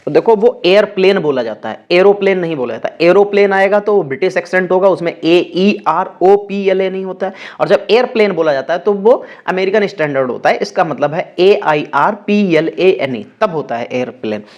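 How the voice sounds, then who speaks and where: A man's voice: high voice, animated, moderate pace, few pauses, darkish tone, muffled recording. A young man teaching an exam-prep vocabulary lesson, spelling words out letter by letter.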